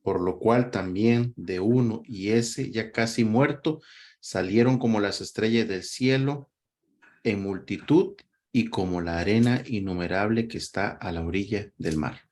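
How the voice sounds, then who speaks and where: A man reading a Bible passage aloud in a measured, solemn way. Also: fairly low pitch, a little mellow.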